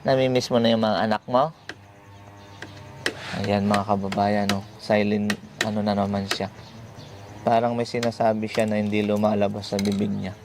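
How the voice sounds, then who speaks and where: A man hosting a vlog, gently asking question after question. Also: fairly low pitch, flat delivery, normal speed, long pauses. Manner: gentle, repetitive coaxing questions. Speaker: vlogger host. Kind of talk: casual vlog chat, coaxing questions. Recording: noisy background.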